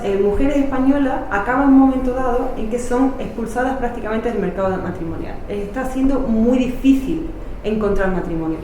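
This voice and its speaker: A woman's voice: medium pitch, darkish tone. A woman, a historian explaining her research in a spontaneous academic way, with many fillers and restarts. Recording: echoey room, voice from far off, faint noise.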